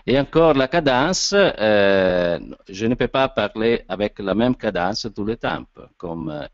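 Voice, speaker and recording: A man with an Italian accent, whose first language is Italian, gives an informal lecture as an actor and director, halting often and searching for his words. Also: on the low side, no echo. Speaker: actor and director giving a talk on voice. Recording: dull lo-fi sound, dry.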